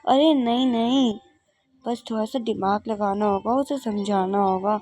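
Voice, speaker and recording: A woman's voice: fairly high pitch, measured pace, warm tone, faint music behind, lightly acted. A woman voicing a young maid who pretends to be a neighbor and coaxes a little princess in a doll game. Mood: confiding. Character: young woman maid posing as neighbor, scheming but kind.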